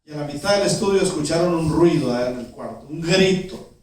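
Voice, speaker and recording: Male pastor, booming church echo, far off. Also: animated, brisk. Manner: vivid storytelling, swings between loud and hushed. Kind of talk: sermon storytelling. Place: church sanctuary.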